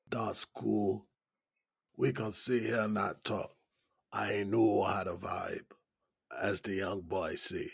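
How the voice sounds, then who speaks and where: A man playing Smokey, a gravelly old inmate. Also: flat delivery, extremely slow, pauses often, no echo, clean studio sound, heavily acted. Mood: easygoing. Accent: Gullah Geechee. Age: 60s. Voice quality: deep, raspy. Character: older male inmate, laid-back smoker. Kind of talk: audio drama acting.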